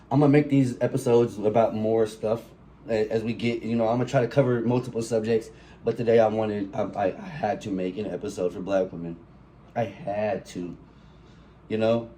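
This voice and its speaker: With slight background noise, a young man's lowish, mellow voice carries his solo podcast monologue. Sick and sniffling, the host rails with passion and profanity into a phone mic in a room bathed in colored lights.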